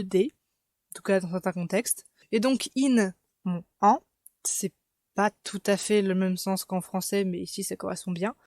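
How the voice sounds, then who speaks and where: A woman's voice: mid-range voice, a little mellow, no echo. Woman explaining a constructed language in a dry, close sound. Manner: explanatory, with hesitations. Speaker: conlang teacher. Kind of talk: lesson.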